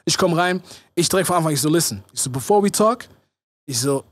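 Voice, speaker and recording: A young man, a choreographer and show director, telling a story as a podcast guest with lively energy, acting out quoted lines and mixing in English phrases. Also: fairly high pitch, quick pace, husky. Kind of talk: animated anecdote-telling in casual chat.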